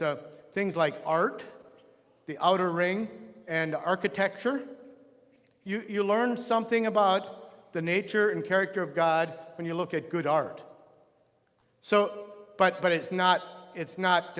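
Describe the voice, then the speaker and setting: Male Sunday school teacher, high-pitched, chatty with restarts and tangents; reverberant church hall. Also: a bit bright. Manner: conversational, with frequent restarts and asides. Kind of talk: church history lesson. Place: church room.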